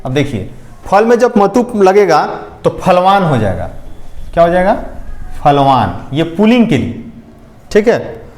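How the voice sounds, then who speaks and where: A man's voice: high-pitched, big pitch swings, a little slow, pauses often, darkish tone, reverberant. A male teacher giving a lesson, often repeating points and asking questions to check understanding. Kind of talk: classroom lecture.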